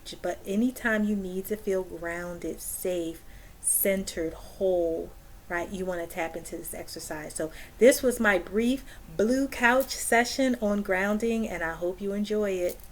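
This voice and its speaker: A middle-aged woman counselor leads a grounding exercise in a calm, encouraging manner, speaking to a device at arm's length in a small room at home. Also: mid-range voice, unhurried. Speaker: counselor leading a session. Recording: clearly noisy home webcam recording.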